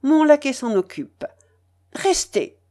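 A woman voicing an imperious, mocking young aristocrat in a read-aloud novel, higher and brighter than her narration. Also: very animated, unhurried. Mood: teasing. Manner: commanding, mocking, playful.

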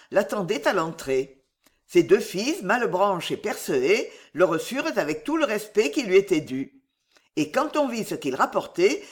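A storyteller reading a medieval fox fable aloud in a steady, expressive way. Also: mid-range voice.

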